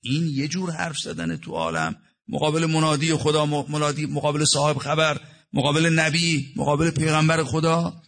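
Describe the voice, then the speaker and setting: Gravelly-voiced man delivering a sermon. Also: on the high side. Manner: explains Arabic verses in plain talk, shifting between hushed and raised delivery. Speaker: preacher. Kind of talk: religious sermon with Quranic recitation.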